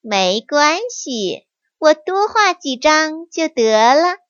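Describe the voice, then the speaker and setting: A woman's voice: high voice, sing-song, slow pace, fairly bright tone, no room sound, muffled recording, pitched above the performer's own voice, exaggerated voice. A woman voicing a cunning, carefree young male fox who talks in a light, teasing, secretive way. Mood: sly. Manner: sly, teasing, light and breezy. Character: sly, cheerful little male fox.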